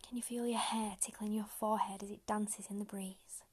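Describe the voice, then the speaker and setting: A woman whispering a slow, soft guided meditation close to the mic, giving calm step-by-step instructions. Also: mid-range voice, breathy edge.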